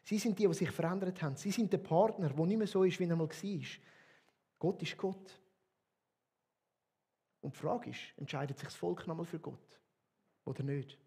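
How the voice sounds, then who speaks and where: A man's voice: a little high, normal speed, vocal fry, pauses often, dark tone, husky. A man with a Swiss German accent, a pastor giving an earnest, emphatic sermon.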